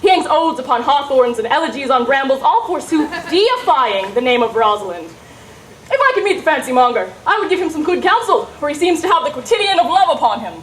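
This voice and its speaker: A woman's voice: high-pitched, sing-song, a little fast, slight background noise, rough recording. A woman playing a witty, teasing young woman disguised as a saucy youth, in theatrical, hammy Shakespearean stage comedy style. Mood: mocking, teasing.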